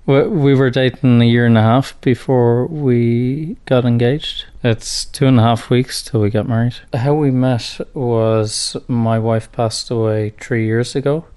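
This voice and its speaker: A man answering interview questions in a quiet, reflective way. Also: medium pitch, steady tone, a little slow, hardly any pauses, clear, resonant tone. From Dublin.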